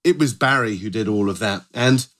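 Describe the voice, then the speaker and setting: Middle aged british guy, lowish voice, chatty podcast host, keeps rewording stuff. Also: moderate pace, fairly bright tone. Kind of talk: conversational podcast talk.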